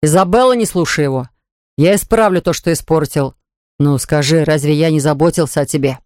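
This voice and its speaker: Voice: medium pitch, fairly quick, dry recording, studio quality, natural voice. A reader doing an angry, defensive husband. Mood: pleading. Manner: shouting, then pleading.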